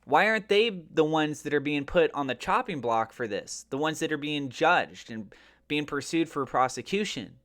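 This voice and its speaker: Hosting a finance and crypto video, a man talks to viewers about the market in a casual, emphatic, slangy way, posing pointed rhetorical questions. His voice is a little high and fairly bright, expressive, and paced moderately.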